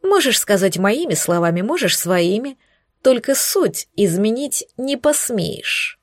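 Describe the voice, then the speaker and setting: A woman voicing a scornful, smug young female witch who mocks and threatens in slow, hissing tones, recorded dry and close. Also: a little high, sing-song, gravelly, dry recording, full character voice. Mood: sneering. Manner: mocking, hissing, drawn-out threats.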